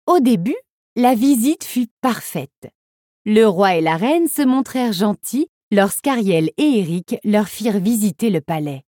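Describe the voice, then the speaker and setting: A woman narrating a children's storybook with an expressive, lively reading. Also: mid-range voice, a little slow, dry recording, studio quality.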